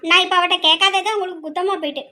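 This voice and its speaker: A woman's voice: very high-pitched, steady tone, racing, bright, forceful tone, soft background music. A woman playing a nagging, sarcastic mother. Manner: scolding, sarcastic. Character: sharp-tongued middle-aged mother, nagging. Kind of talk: amateur audio drama acting.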